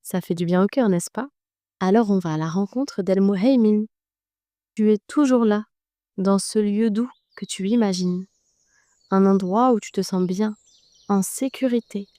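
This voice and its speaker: A woman narrating a guided meditation in a slow, gentle and soothing way, speaking directly to the listener. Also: medium pitch, dry recording, studio quality.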